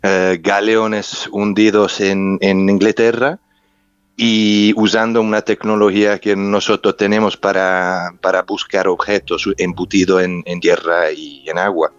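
Halting low-voiced man with English-speaking foreign accent. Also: level tone, clear, resonant tone, no echo. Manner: halting, searching for words, emphatic repetition. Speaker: interview guest, underwater explorer and researcher. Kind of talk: unscripted interview storytelling. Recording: muffled sound with music behind.

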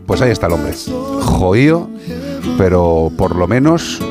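A man's voice: low-pitched, very animated, measured pace. Give me a man hosting radio, chummy and casual, with music playing behind. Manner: chummy, slangy banter. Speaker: radio host.

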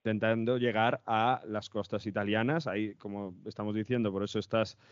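A man's voice: on the low side, steady tone, brisk, no echo, highs cut off. A man with an accent from Spain hosting an interview, conversationally explaining and summing up for listeners. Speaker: interviewer, show host.

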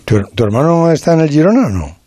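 A husky man with a low, mellow voice asks questions and jumps in with quick casual remarks. His tone is conversational and relaxed. The sound is dry. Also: no room sound. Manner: casual, interjecting, colloquial. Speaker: interviewer. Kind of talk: conversational interview.

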